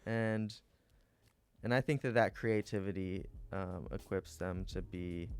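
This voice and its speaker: A man in his twenties, a school board candidate answering interview questions in an earnest, measured, policy-minded way. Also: deep voice. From Atlanta, Georgia. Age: 20s.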